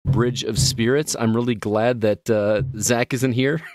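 A man's voice: mid-range voice, fairly even intonation, unhurried, darkish tone, no echo. A man hosting a gaming podcast, chatting casually and upbeat, laughing easily. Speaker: podcast host.

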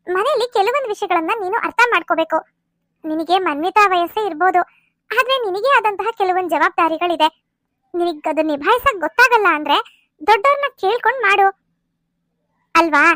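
A woman voicing a calm elder sister-in-law in a cartoon serial, gently lecturing a younger bride. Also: extremely high pitch, fairly quick, pauses often, no room sound, clean studio sound, voice pushed down, full character voice. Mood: advising. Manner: soothing, lecturing.

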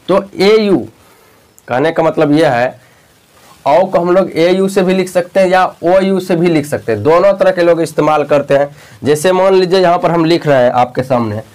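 A male teacher explaining a lesson patiently, often checking in with the listener and repeating key points. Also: fairly high pitch. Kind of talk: spoken lesson.

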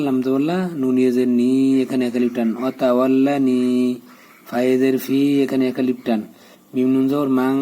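A man teaching a prayer, spelling out letters and vowels at a quick clip, then chanting the joined words slowly. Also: mid-range voice, dark tone. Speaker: Quran recitation teacher. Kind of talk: spelling out and reciting Arabic prayer.

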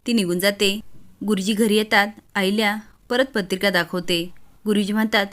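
Woman recapping a serial episode; plain storyteller, mid-pitched. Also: fairly even intonation, moderate pace, fairly bright tone. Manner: plain retelling, voicing each character lightly.

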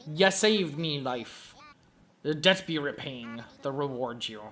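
Man doing a hammy pirate captain, slightly high voice, old sea-dog talk. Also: expressive, slow pace, over music. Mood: gruff grateful.

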